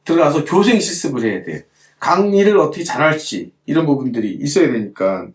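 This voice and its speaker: Animated man teaching calligraphy, echoey room. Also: fairly high pitch, a little fast. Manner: animated, repetitive, rhetorical questions to students. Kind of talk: hands-on lesson while demonstrating.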